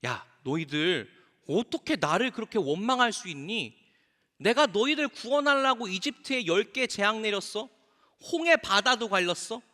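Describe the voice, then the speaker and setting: A man's voice: high voice, expressive, normal speed, bright, forceful tone. A male pastor voicing a stern, scolding God who fires off reproachful rhetorical questions. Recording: long church hall reverb.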